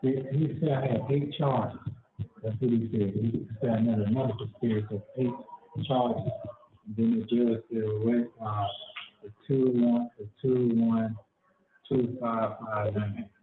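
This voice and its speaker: Man, prison phone line, tinny and echoey, faint noise, halting repetitive talk. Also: mid-range voice, fairly even intonation. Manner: halting, repeats himself. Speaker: inmate on a jail call. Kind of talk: phone conversation.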